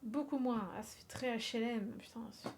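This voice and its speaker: Chatty French streamer woman, slightly high voice. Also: moderate pace, slight background noise. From France. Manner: animated and chatty, swears often, laughs a lot, slips in English phrases. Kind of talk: casual livestream chat.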